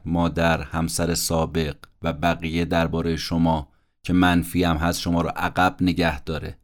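A man's voice: sits low, a little mellow. A man hosting a podcast, summarizing a self-help book in a conversational, earnest and motivational way, acting out the people he quotes.

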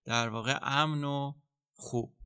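A man speaking as a psychotherapist in an interview, calmly explaining how treatment works and acting out what a therapist says. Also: mid-range voice, clean tone, no room sound, clean studio sound. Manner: calm, explanatory, acts out therapist dialogue. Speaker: psychotherapist guest.

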